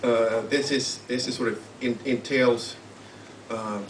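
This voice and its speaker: A man introducing his poem at a live reading, halting and searching for words as he explains it. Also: mid-range voice, fairly even intonation. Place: live literary event hall. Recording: roomy, distant live mic with faint hum.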